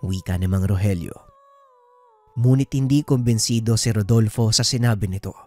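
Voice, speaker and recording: A man narrating a true horror story in a steady, scripted way. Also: lowish voice, normal speed, no echo.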